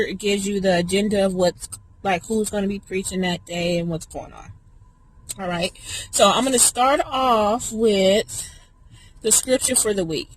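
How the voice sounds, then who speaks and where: A woman talks between bites in a relaxed mukbang vlog, her voice sitting at a middle pitch. Her talk is loose and rambling and full of asides. A faint noise lingers underneath. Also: poor audio. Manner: chatty, rambling, talks while eating. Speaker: vlogger. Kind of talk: casual mukbang chat.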